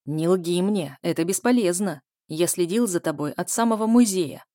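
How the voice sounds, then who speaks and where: A cold, cruel man with a scarred face speaks in a low, hissing, menacing voice, as a woman narrator puts him on. His tone stays mellow and dark, and the sound is close and dry, with no room around it. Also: normal speed, no room sound, close to an everyday voice. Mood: irritated.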